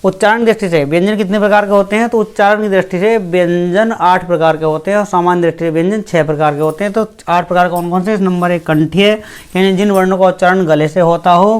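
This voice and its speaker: A teacher giving a grammar lesson, who asks the class questions, answers them itself, repeats each point and slowly sounds out each letter. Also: medium pitch, fairly even intonation, clean tone. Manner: repeats points and fills with "theek hai".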